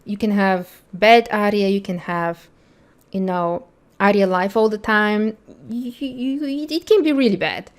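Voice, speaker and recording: Speaking a little slowly in a mid-range voice, an accessibility instructor runs through a website test for a screen-recorded tutorial. She's a woman whose native language is Bulgarian, and her thinking aloud is blunt and candid.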